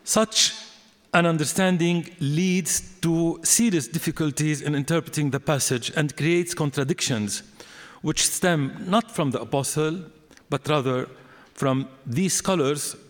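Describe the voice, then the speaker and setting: A man giving an academic lecture on scripture, deliberate and explanatory, with fillers and restarts. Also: a little high. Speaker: biblical studies lecturer. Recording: long hall reverb.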